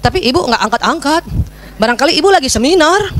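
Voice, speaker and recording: A woman's voice: sits high, animated, fast. A woman voicing her young son as he earnestly explains himself to his mother, in a lecture. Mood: explaining.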